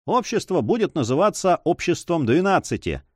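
A man's voice: fairly high pitch, very animated, moderate pace, husky, dry recording, studio quality, voice pushed up. A man voicing an earnest buccaneer in a raised, eager voice in an audiobook.

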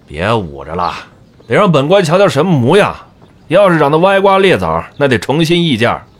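An actor playing a haughty, suspicious, greedy official in an audio drama. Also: male voice, on the high side, wildly swooping pitch, normal speed. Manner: haughty, self-important.

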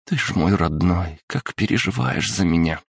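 A man reading an audiobook voices an emotional middle-aged mother who talks in a shrill, exclamatory, melodramatic way. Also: moderate pace, breathy edge, no room sound, clean studio sound. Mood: tearful.

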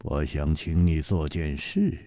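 A male storyteller voicing a calm, worldly swordsman hero who speaks low, hushed and measured. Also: no echo, studio quality, heavily acted. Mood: calm, wry. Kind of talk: storytelling with character voices.

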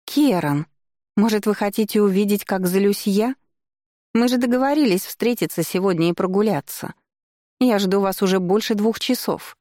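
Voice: mid-range voice, moderate pace, darkish tone, no echo, clean studio sound, pitched above the performer's own voice, close to an everyday voice. Избалованная знатная девушка в исполнении чтеца тянет слова капризно и высоко. Звук сухой и близкий. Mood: капризный.

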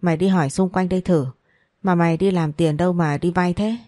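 A woman's voice: on the low side, steady tone, a little fast, dark tone, dry recording, clean studio sound, close to an everyday voice. A woman voicing a blunt, impatient young woman friend.

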